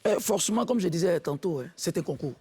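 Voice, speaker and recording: A man giving a measured, halting critique as a talent show juror. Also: high voice, expressive, dark tone, breathy edge. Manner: measured, halting, repeats words. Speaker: jury member. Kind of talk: spoken critique of a contestant.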